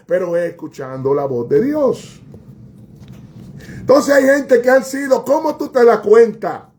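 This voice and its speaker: A male preacher with a strikingly high voice. He delivers a fervent sermon, repeating key phrases and calling out to God again and again. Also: a little mellow.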